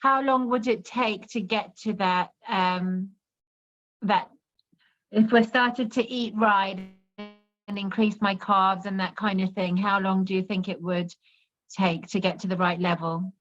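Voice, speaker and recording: A woman speaks slowly over a video call whose connection keeps breaking up. The audio is dull and lo-fi, with faint guitar music underneath. She repeats her question patiently until it gets through. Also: medium pitch, fairly even intonation. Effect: breaking-up, bad video-call connection. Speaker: cyclist asking the coach. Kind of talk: online group coaching call.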